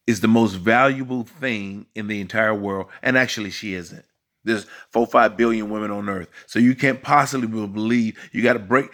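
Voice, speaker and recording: A male dating and life coach in his fifties delivers a motivational monologue to men, emphatic and repetitive. His voice sits on the low side with a fairly bright tone.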